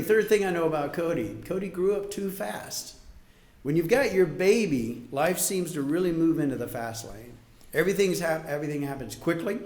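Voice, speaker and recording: A man's voice: a little high, a little mellow. Echoey middle-aged man giving an emotional wedding toast. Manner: emotional, holding back tears. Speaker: father of the bride giving a speech. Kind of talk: wedding toast, heartfelt prepared speech. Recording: echoey room.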